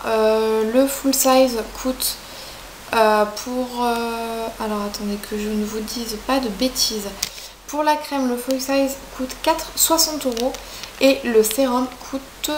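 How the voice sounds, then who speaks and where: A woman's voice: fairly high pitch, fairly even intonation, slow. A woman in her twenties reviewing beauty products in a casual, chatty way, hesitating often with fillers. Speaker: beauty vlogger. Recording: echoey room, faint hiss.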